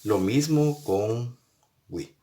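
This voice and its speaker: A man's voice: mid-range voice, extremely slow, warm tone. A man teaching an English grammar lesson, patiently repeating and spelling out each step. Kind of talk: recorded classroom lesson.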